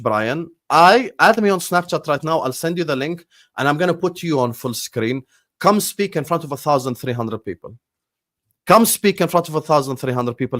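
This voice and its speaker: Hosting a football live stream, an Arabic-speaking man from Jordan uses a fairly bright voice that sits on the high side. He's combative, says the same phrases again and again, and leans on fillers like "you get me." It's a dry, studio-quality recording.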